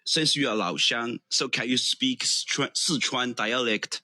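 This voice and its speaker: A man's voice: medium pitch, a little slow, pushed and bright, no echo. A man from Chengdu calling into a livestream, joking playfully. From Chengdu, China. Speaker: caller. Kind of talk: casual chat.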